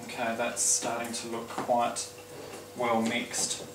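A man playing a glamorous, genteel lady who hosts a home cooking demonstration with theatrical, drawn-out phrasing. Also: medium pitch, monotone, very noisy, natural voice. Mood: poised, instructive. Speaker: cooking show host. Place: indoor home kitchen. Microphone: distant camera microphone. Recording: roomy kitchen, distant mic, clattering dishes.

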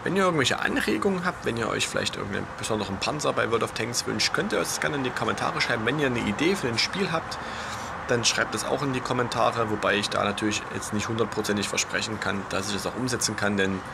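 Hushed, creaky young man, low undertone. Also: quick pace. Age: young adult. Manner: hushed, speaking in a low undertone close to a whisper. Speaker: gaming vlogger. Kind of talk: casual vlog chat. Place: outdoors on an apartment balcony. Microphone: camera at arm's length. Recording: clear outdoor street noise.

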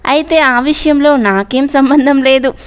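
A woman's voice: high-pitched, a little slow. Woman voicing an easygoing joking older brother. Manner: light bantering.

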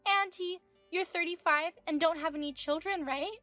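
A woman's voice: very high voice, normal speed, pushed and bright, no room sound, faint music behind, pitched above the performer's own voice. A woman voicing a smug young female medical student in her twenties who mocks and talks down to an older wife. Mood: taunting. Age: 20s. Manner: mocking, condescending.

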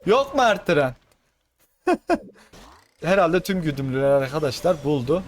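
A young man giving fast, excitable gameplay commentary, talking to his viewers like friends. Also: a little high. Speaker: gaming channel host.

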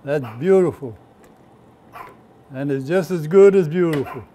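Elderly male Cajun home cook from Louisiana, a little high in pitch, plain folksy storyteller, faint room noise. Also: lively intonation, measured pace, dark tone. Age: elderly, 70s or older. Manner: plain, folksy, short phrases. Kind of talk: casual cooking demonstration and storytelling. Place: home kitchen, indoors. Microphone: lapel microphone. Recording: clearly audible room and kitchen noise.

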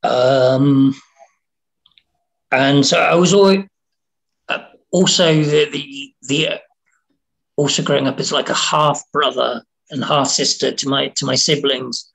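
A man from Wales, a writer and interview guest, talking in a casual, halting way, restarting and repeating words as he thinks. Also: mid-range voice, fairly even intonation, gravelly, fairly bright tone, low-quality recording. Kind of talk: casual conversation.

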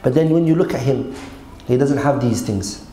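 Male Islamic teacher, mellow tone, emphatic and conversational, roomy sound with slight noise. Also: mid-range voice, normal speed. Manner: emphatic, conversational, with rhetorical questions and check-ins to listeners. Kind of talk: religious lecture explaining a text to a class. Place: seated at a desk in a hall indoors. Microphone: gooseneck desk microphone. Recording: echoey room with faint background noise.

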